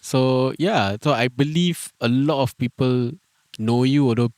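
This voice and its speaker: Wry Singaporean co-host asking questions. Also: male voice, mid-range voice, measured pace, a little mellow, no room sound, clean studio sound. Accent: Singaporean English. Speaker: podcast co-host. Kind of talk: casual interview.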